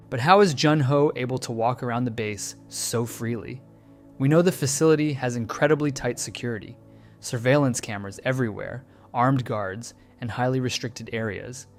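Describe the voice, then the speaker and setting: Man narrating a measured trailer breakdown. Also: medium pitch. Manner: measured, analytical, posing questions. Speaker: channel host breaking down a trailer. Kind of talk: scripted video-essay narration.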